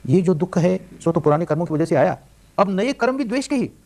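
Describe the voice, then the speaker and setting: A man's voice: sits high, lively intonation, fairly quick, vocal fry, a little mellow. An older man teaching meditation in a spiritual discourse, telling stories with strong rising and falling emphasis.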